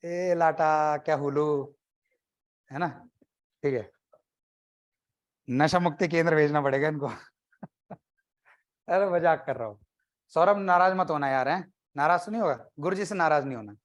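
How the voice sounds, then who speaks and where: A male coaching teacher gives an exam-prep lecture. He keeps it loose and conversational, firing quick questions at the class and slipping in jokes between the facts. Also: a little high. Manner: conversational, quizzes students and jokes.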